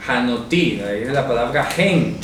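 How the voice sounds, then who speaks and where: A man's voice: mid-range voice, lively intonation. Spanish-speaking man teaching in an echoey room. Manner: spells out Hebrew phrases slowly, checks understanding with "¿ya?". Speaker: Bible teacher. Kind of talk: Bible study teaching. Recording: echoey room, mic far off, faint noise.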